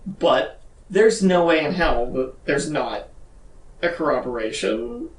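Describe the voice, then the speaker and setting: A man's voice: fairly high pitch, big pitch swings, slow pace, vocal fry, roomy sound, distant mic, low-quality recording. A man co-hosting a gaming news podcast, reading news items casually with lots of fillers. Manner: chatty, reads news items with frequent fillers. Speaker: podcast co-host. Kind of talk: casual chat.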